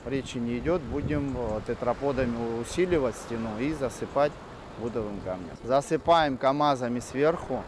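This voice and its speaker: Man speaking haltingly at a noisy outdoor site. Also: medium pitch. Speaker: railway worker giving an on-site comment. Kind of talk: unscripted interview remarks. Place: outdoors at a coastal rail repair site. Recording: noisy outdoor location with vehicles.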